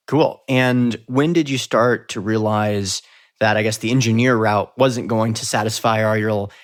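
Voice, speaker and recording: A man's voice: fairly low pitch, steady tone, a little slow. A man hosting a podcast, upbeat and promotional in the intro, then friendly as he asks questions. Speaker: podcast host.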